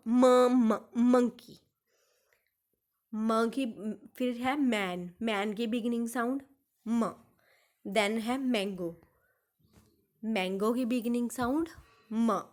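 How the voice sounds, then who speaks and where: Woman, kindergarten phonics teacher; unhurried, repeats each sound, a bit high. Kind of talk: phonics lesson for young children.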